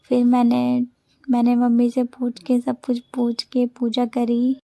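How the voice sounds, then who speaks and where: A woman's voice: on the high side, monotone, slow, gravelly, dark tone, dry recording. A woman in her twenties narrating her vlog in a chatty voice-over, telling a loose story with many restarts. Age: 20s. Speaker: vlogger.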